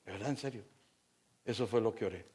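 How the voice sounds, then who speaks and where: Animated storytelling pastor, a man. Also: lowish voice, fast, husky. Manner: animated, acts out dialogue, talks directly to congregation. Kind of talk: humorous sermon storytelling.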